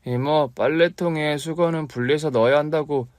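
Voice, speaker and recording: A woman voicing a tidy, nagging young boy in a storybook radio tale, her tone a little higher than her narration. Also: a little fast, no room sound, clean studio sound, close to an everyday voice. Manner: nagging, matter-of-fact.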